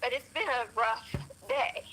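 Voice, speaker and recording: A woman calling in by phone, telling a personal story in a soft, apologetic, emotional way. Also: high-pitched, animated, unhurried, slight background noise. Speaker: phone-in caller. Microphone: phone on speaker.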